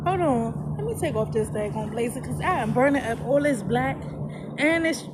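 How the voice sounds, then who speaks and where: A woman's voice: animated, normal speed. A woman in her thirties telling a personal story to camera in a candid, conversational way, with many "you know" fillers. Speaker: vlogger. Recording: noisy with vehicle rumble.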